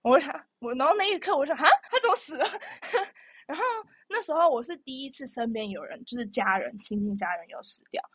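Young woman, podcast co-host; fast, chatty, animated storyteller, dry studio sound. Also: high-pitched, breathy edge, dry recording. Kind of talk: casual chat.

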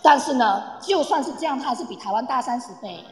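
Her voice sits high, with lively intonation and a quick pace, as she explains Polish culture to a live online audience. Like a teacher, the guest speaker addresses listeners directly in an informal talk, captured in a reverberant online audio room with long, echoey reverb.

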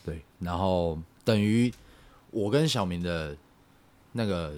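A young man, telling a personal story on a podcast in a halting, reflective way. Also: low-pitched, a little mellow. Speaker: podcast co-host. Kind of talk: casual podcast chat.

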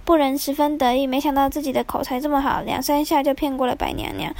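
A woman storyteller narrating a folk tale in a vivid, expressive manner. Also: sits high, fast.

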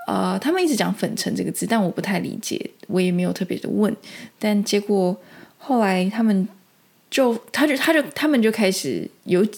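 A woman, chatting through a personal story in a loose, rambling way and often restarting her sentences. Her voice sits fairly low, with a gravelly fry and a husky, breathy edge. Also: darkish tone. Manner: rambling, with many restarts and fillers. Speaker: spiritual vlogger. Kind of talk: casual storytelling monologue.

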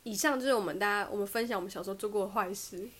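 A woman's voice: medium pitch, rapid-fire, a bit bright. A young woman with a Taiwanese Mandarin accent, chatting in a joking, self-mocking way as a podcast co-host. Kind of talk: casual chat.

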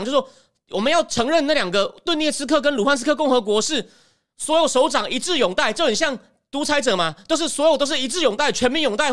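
A woman giving emphatic, animated political commentary as a podcast host. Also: high-pitched. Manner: animated, emphatic, acts out quotes.

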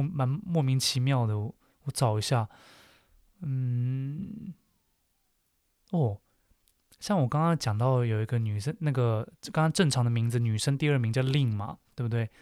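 A man talks casually, working things out aloud and restarting his sentences. His voice sits at a middle pitch. The recording is dry and close, with no room sound. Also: darkish tone, dry recording. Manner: chatty, thinks aloud with many fillers and restarts. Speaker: host. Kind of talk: casual solo chat explaining Japanese names.

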